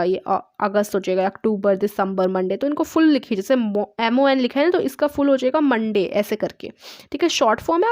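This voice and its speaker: A woman's voice: fairly high pitch, dry recording, studio quality. A young woman with an Indian accent teaching an online English lesson, patiently walking through test items and checking in after each one. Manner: patient, repeats "ठीक है" after each point.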